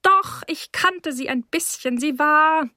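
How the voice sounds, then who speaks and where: Woman voicing a middle-aged mother, tipsy, shrill, giggly, high-pitched, storybook. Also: slow, pushed and bright, dry recording, clean studio sound, heavily acted. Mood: snappish.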